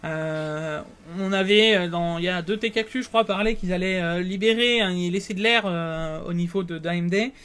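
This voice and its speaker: High-pitched man, animated co-host of a casual tech news chat. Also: normal speed, few pauses, smooth. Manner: animated, questioning, many fillers.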